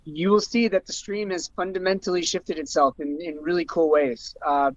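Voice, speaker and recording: A man's voice: a little high, fairly even intonation, normal speed, no room sound, muffled recording. A man co-hosting a breathwork session, talking in a reflective, rambling way with many fillers on a group call. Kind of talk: casual group video call chat. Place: home on a mountain by a stream.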